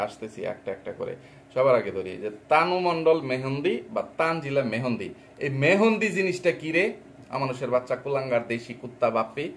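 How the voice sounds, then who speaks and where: A man delivering an angry, insulting rant as a reaction vlogger, scolding and mocking another vlogger. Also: fairly high pitch.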